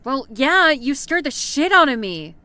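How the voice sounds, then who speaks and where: A woman's voice: on the low side, lively intonation, moderate pace, no echo. A woman playing a tired, guarded office worker in a video game, with casual, everyday delivery. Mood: startled, wary. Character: weary, guarded female office worker working late alone.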